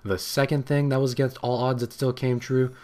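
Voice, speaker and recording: A young man in his late teens, a gaming channel host, telling a long personal story over gameplay in a rambling, excitable way. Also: medium pitch, a little fast.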